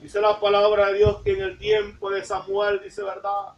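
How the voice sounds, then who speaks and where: A woman preaching a sermon in a church, fervent, tagging nearly every phrase with a call to the congregation and rising to shouts at the high points. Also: completely flat delivery, moderate pace, roomy sound, distant mic, muffled recording. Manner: fervent, repeats "hermano, ¿verdad?" after nearly every phrase; rises to shouting at emphatic points.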